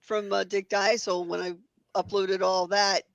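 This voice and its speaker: A woman's voice: medium pitch, little pitch movement, unhurried, creaky, no room sound. A woman presenting clips on a casual talk show, mixing loose chat with prepared notes. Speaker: guest presenter of horror-host clips.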